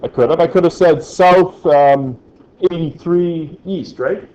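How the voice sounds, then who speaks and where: His voice is on the high side with a darkish tone, and he speaks a little slowly as he lectures a class. He jokes and keeps checking in with "right?". The lo-fi classroom recording is dull and echoey, with a little hiss or hum.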